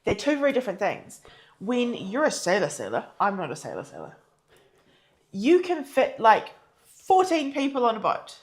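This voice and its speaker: A woman's voice: fairly high pitch, wildly swooping pitch, normal speed. A woman co-hosting a casual live stream, teasing her co-host and adding context.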